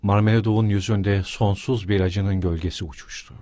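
A man reading a novel aloud as narrator, in a measured, dramatic way. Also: on the low side, steady tone, mellow, no room sound. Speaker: audiobook narrator. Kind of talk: scripted narration.

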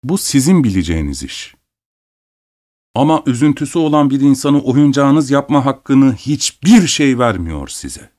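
A man voicing a bitter male doctor who shouts with scornful indignation. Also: medium pitch, big pitch swings, measured pace, voice pushed up. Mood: furious.

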